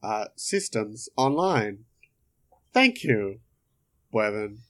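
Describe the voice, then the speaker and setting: Brief: man playing a rebooting female robot, metallic cyborg monotone, low and unhurried. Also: full character voice. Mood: robotic. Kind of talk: tabletop roleplay, in character.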